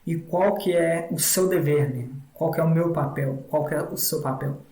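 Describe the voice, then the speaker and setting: A man with a Brazilian Portuguese accent walks through a tutorial one step at a time. His voice sits somewhat high for a man. He repeats points patiently and recorded in a room with noticeable echo. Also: normal speed, dark tone. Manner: repetitive, instructive, frequent "né" tags. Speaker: English teacher.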